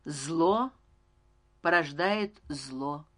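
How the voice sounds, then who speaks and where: A woman voicing a calm, persuasive female ruler. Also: deep voice, heavily acted. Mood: solemn. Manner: soft, intimate oratory, measured. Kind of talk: audiobook reading.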